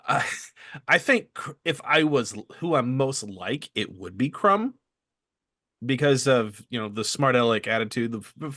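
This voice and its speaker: A man's voice: medium pitch, bright, forceful tone, no room sound. A man in his thirties co-hosting a casual podcast in a studio, joking and stumbling over names. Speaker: podcast co-host. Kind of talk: casual chat.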